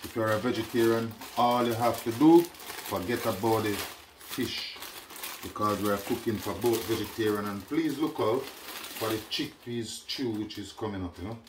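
A middle-aged man with a lowish voice, speaking at normal speed, hosts a casual cooking demo in a small home kitchen. He talks chattily, checking in with "yeah?" and "you know what I mean?". A distant camera mic captures the echoey kitchen with noise.

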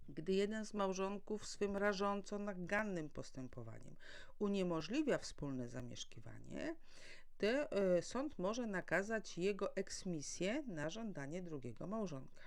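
In a mid-range, very animated voice and an unhurried rhythm, a woman presenting as a legal adviser and mediator gives listeners a formal, didactic explanation, asking and then answering her own questions.

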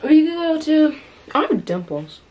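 A woman's voice: high-pitched, very animated, unhurried, darkish tone, a little hiss or hum. A woman chatting casually and complaining while she eats spicy food on camera. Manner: protesting, whiny, laughs at herself. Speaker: vlog co-host. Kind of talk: casual chat while eating.

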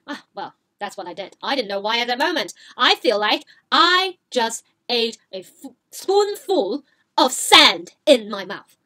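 A woman vlogger tells a storytime tale with dramatic flair. Her voice is high and bright, and it swings widely up and down. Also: very animated, a little slow. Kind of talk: storytime vlog.

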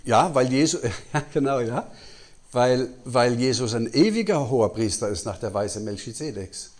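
A man's voice: medium pitch, lively intonation, moderate pace. German man teaching the Bible in a question-and-answer style. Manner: asks the audience questions and answers them himself, frequent "ja?". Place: conference hall.

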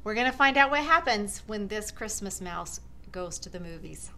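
Her voice pushed and bright, medium in pitch and animated at a normal pace, a middle-aged American woman reads a storybook aloud to young listeners with plenty of expression and chatty asides. It takes place indoors in a large living room, where clear background room noise is audible.

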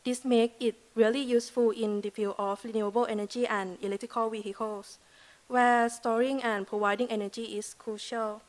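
Young woman, Thai accent, fairly high voice, earnest, filler-heavy, podium mic in a lecture hall. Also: little pitch movement, moderate pace. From Thailand. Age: 20s. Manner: earnest, loose grammar, frequent "like" fillers. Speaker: exchange student presenter. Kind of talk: prepared presentation speech. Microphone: podium microphone.

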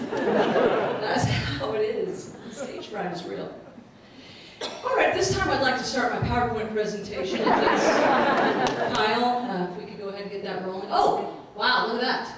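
On stage before a live crowd in a large room, a middle-aged comedian and speaker holds a handheld mic and banters with the audience through a playful set that pokes fun at herself. Her voice sits on the high side. The very noisy recording is roomy and distant, and laughter from the audience comes through.

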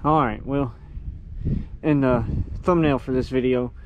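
A man's voice: medium pitch, unhurried, highs cut off, background noise. Laid-back young man vlogging. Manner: relaxed, rambling, talks while working. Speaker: farm vlogger. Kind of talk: casual first-person workshop vlog. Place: outdoors on a farm and in a workshop.

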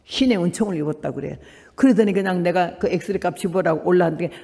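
An older woman missionary giving a church testimony, telling her story with animated acted-out dialogue in a high voice. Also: quick pace, vocal fry. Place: church hall. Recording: echoey hall reverb.

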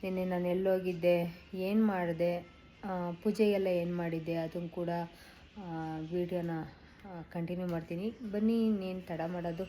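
A woman's voice: lowish voice, steady tone, normal speed, pauses often, warm tone, a little hiss or hum, poor audio. A middle-aged woman, chatting casually to her viewers in a rambling way with many fillers. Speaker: vlogger. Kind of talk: casual chat to camera.

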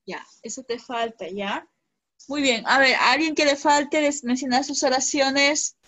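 A woman teaching children over a video call. Her voice sits a little high and sounds dry and close. She speaks patiently and keeps asking whether they follow. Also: measured pace, a bit bright, dry recording. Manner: patient, checks in with "¿ya?" and "¿sí?". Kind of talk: online class teaching.

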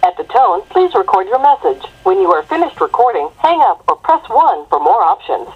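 A woman's voice: medium pitch, sing-song, normal speed, a little hiss or hum. Woman's answering machine message over phone. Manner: evenly paced, clipped machine announcement. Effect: automated answering machine prompt over a phone line. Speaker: automated voicemail greeting. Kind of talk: recorded system prompt. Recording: muffled phone-line audio.

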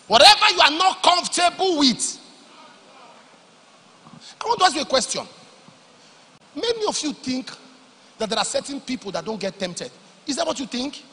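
A man preaching a sermon, moving between loud emphatic declarations and low, confiding storytelling. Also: very animated, normal speed, pauses often, slightly rough. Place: large church hall. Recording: long hall reverb.

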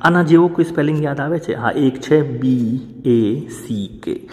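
A man teaching an English lesson to beginners, spelling words out slowly letter by letter and often asking his learners how to say them. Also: mid-range voice, a little mellow, big-room sound. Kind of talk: spoken language lesson.

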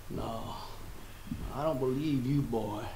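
An actor playing a gruff, fiercely protective Southern swamp man with a Southern Louisiana accent and a threatening drawl. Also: mid-range voice, mellow, low-quality recording. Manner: threatening drawl, calls others "boy".

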